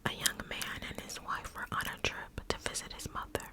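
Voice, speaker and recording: A woman reading spooky stories aloud as ASMR in an unvoiced whisper, with a hushed, deliberate delivery. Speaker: ASMR storyteller.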